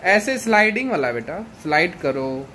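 A man's voice: sits high, big pitch swings, normal speed, a crowd in the background. A man, chatting casually in a family vlog, teasing and pleading playfully. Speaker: vlogger.

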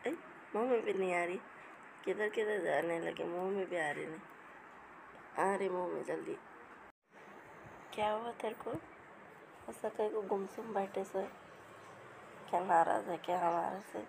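A woman's voice: mid-range voice, a little slow, creaky, pauses often, noisy background. A woman giving a comic voice-over to pet clips, scolding and coaxing the animals in a playful way. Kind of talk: comic voice-over talking to pets.

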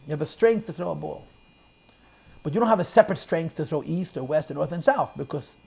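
A man teaching a Chassidic text class, explaining in English sprinkled with Hebrew and Yiddish terms and shifting between loud and soft emphasis. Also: a little high. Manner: quotes and translates lines of text, swings loud and soft. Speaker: Torah teacher.

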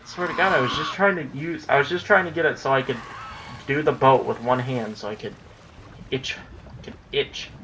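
Over a noisy background, a teenage gaming YouTuber, a young adult, rambles casually while he plays, talking through his recording plans and swearing when things go wrong. He speaks at normal speed in a medium pitch.

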